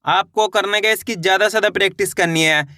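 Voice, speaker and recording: A man teaching beginners to read, sounding out each syllable slowly and then blending them into the word. He asks the same question before each answer and addresses viewers as friends. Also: high-pitched, fairly even intonation, pushed and bright, dry recording, clean studio sound. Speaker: Hindi reading teacher. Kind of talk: online reading lesson.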